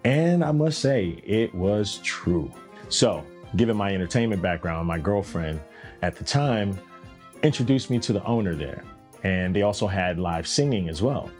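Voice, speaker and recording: Young male host, low voice, unhurried personal storytelling over faint guitar. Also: animated, darkish tone. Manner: conversational, reflective, drawn-out emphasis. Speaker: podcast host.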